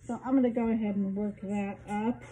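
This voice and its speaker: A woman giving a casual craft demonstration, her voice muffled because she is speaking loudly through a respirator mask. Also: medium pitch, steady tone, fairly quick, a little hiss or hum. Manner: chatty, self-deprecating, speaking loudly. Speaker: craft tutorial maker. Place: home craft area with fans and open windows.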